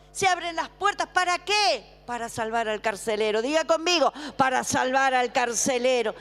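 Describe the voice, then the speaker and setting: Woman preacher, high voice, call-and-response sermon, long hall reverb, soft music underneath. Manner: call-and-response, asks congregation to repeat; swings between emphatic slow declarations and hushed drops.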